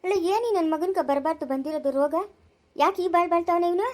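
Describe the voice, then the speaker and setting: A woman voicing a quick-tempered aged village mother in a family skit, with a rural Chikkaballapura Kannada accent, shrill and complaining. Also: noisy background. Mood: distressed.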